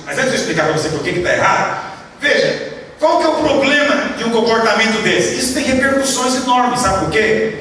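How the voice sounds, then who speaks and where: A man's voice: high voice, fairly bright tone. A man with a Brazilian Portuguese accent preaching a sermon, emphatic and full of rhetorical questions for the congregation. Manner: emphatic, asks the audience many rhetorical questions. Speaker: pastor. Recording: echoey hall from far off with background noise.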